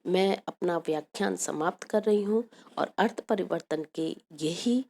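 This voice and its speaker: Woman lecturer, mellow voice, steady prepared lecture with lots of examples. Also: on the low side, gravelly, slight background noise. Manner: measured, reads from prepared text with examples. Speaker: university Hindi lecturer. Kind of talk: recorded academic lecture.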